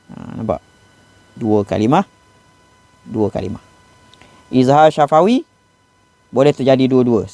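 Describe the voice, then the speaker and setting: A man with a Malaysian Malay accent gives a lesson on Quran recitation, explaining each rule patiently and stretching out the example words slowly. His voice is mellow and relaxed, recorded close in a dry space with no room echo. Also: mid-range voice, creaky. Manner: patient and explanatory, slows down to model Arabic recitation. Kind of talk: classroom lesson on recitation rules.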